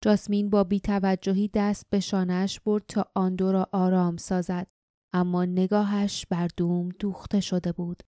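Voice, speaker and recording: A woman reads an audiobook in a steady, measured way. Her voice is dark and mellow, and the recording is dry and close with no room sound. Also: medium pitch, dry recording. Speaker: audiobook narrator. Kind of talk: scripted audiobook narration.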